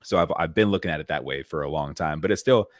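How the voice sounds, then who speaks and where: A man's voice: extremely low pitch, fast, no echo. A man co-hosting a panel talk, thoughtful and reflective, with many fillers. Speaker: podcast co-host. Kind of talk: casual panel discussion.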